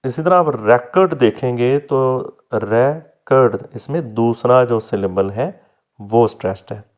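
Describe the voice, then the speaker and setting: This is a man giving a recorded lecture at a very unhurried pace. He explains patiently, step by step, sounding out example words slowly and addressing his students fondly as "beta", at an ordinary middle pitch. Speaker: teacher.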